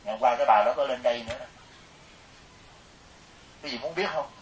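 A middle-aged man with a Southern Vietnamese accent, a Buddhist monk telling animated, joking stories in a sermon to a live audience. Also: medium pitch, fast talker. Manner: animated, jokey, acts out quoted people. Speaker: Buddhist monk giving a dharma talk. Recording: echoey hall, mic at a distance.

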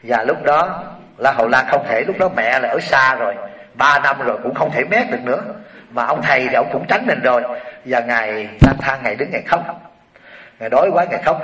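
A man with a Southern Vietnamese accent telling a Buddhist story as a sermon, animated and addressing the audience directly. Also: mid-range voice. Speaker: Buddhist preacher. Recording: roomy hall, distant mic, dull sound.

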